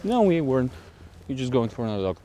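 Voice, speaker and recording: A man's voice: medium pitch, very animated, mellow, a little hiss or hum. Male co-host, mid-range voice, rambling casual talk outdoors. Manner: rambling, halting plot summary with fillers. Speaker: podcast co-host. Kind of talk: casual chat while walking. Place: outdoors on a stroll.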